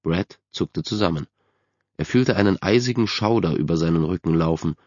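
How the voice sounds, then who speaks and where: A man with a very low voice reads an eerie story in a calm, measured way. His storytelling is steady and unhurried. The recording is dry and a little dull, as from a booth. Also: no echo. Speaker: audiobook narrator. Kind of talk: scripted narration of a spooky youth novel.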